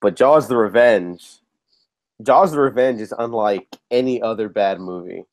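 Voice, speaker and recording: A man hosts a casual movie podcast in a lowish, slightly mellow voice at a moderate pace, with a little hiss or hum in the background. He's getting over a cold and sounds a bit nasal. He's chatty and swears casually.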